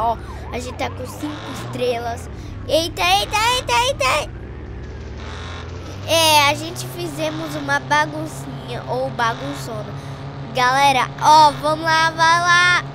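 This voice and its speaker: A Brazilian woman hosting gameplay commentary in an excitable, exclaiming, panicking manner. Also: high voice. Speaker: gaming channel host.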